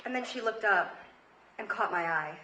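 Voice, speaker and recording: An American woman in her thirties from Queens, New York, a comedy storyteller and show host, tells a funny story live on stage with dramatic, emphatic delivery. Her mid-range voice has lively intonation, a moderate pace and a sharp tone. The sound is muffled and roomy, with faint noise from the stage.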